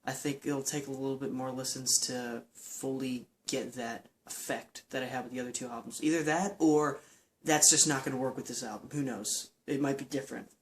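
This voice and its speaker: A man's voice: medium pitch, fairly even intonation, fairly quick, slight background noise. A man giving a casual, enthusiastic album review. He rambles, with lots of "um" and "like" and restarts.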